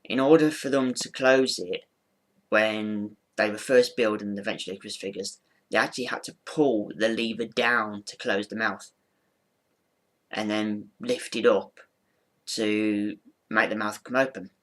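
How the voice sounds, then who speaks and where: A ventriloquist presents his figure in a rather low, steady, fairly bright voice, speaking a little slowly. His hands-on explanation is informal, rambling and matter-of-fact, with frequent repetition.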